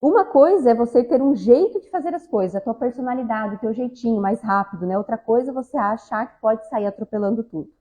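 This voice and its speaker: A woman's voice: fairly high pitch, quick pace, hardly any pauses, mellow, poor audio. A woman giving a spiritist talk, speaking conversationally and often addressing the audience directly. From southern Brazil. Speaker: lecturer at a spiritist center.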